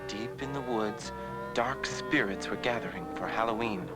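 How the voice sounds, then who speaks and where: A man narrating a scripted fairy tale as a measured storyteller. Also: on the low side, over loud music.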